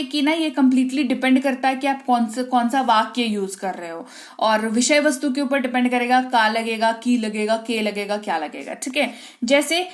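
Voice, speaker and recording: A woman with a bright, high-pitched voice teaches an online vocabulary lesson. She explains each point patiently and slows right down to dictate every example sentence. She keeps stopping to check whether her class has understood. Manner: asks the class quick check-in questions. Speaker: English teacher.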